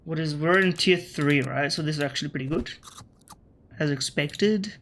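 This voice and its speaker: Here an Australian man, accent tinged by British media, chats casually over his gameplay at normal speed, his voice a bit high, bright and forceful. A faint hiss or hum sits under it. The gaming video creator thinks aloud, fixes his own slips and makes dry comments toward his opponents.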